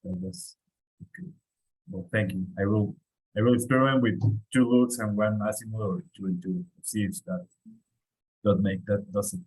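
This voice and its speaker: A man with a low, husky voice asks a course instructor questions over an online call. He hesitates often, restarting words and filling pauses as he searches for phrasing. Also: a little mellow, rough recording. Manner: hesitant, repeats words, many fillers. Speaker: course participant asking questions. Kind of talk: online office hours question. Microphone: video call.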